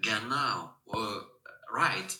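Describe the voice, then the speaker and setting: Man on a video call, bright forceful voice, teasing and laughing a lot. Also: fairly low pitch, lively intonation, extremely slow. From Lithuania. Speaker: video chat stranger. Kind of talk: casual chat.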